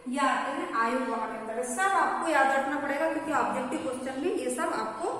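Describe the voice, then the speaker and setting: A woman's voice: high-pitched, fairly quick, a bit bright. A woman teaching a grammar lesson to a class, often stopping to ask whether everyone has understood. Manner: checks understanding with repeated questions. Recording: echoey room, mic far off, faint noise.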